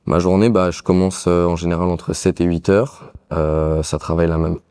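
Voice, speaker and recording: Low, mellow young Parisian man. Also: little pitch movement, moderate pace, clear, resonant tone. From Paris, France. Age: young adult. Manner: hesitant, many fillers. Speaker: carpenter guest. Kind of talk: casual interview answers.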